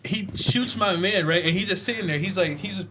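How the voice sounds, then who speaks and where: A man on a casual podcast, retelling a movie's plot with animated storytelling and acting out the characters' lines. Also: high-pitched, a little fast, noisy background. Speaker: podcast co-host reviewing a film. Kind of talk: casual chat.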